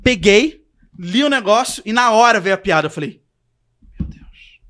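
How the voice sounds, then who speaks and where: A young man, a guest on a podcast, casually tells a story in an animated way, acting out the quotes and voices of the people in it. His voice is high-pitched and brisk.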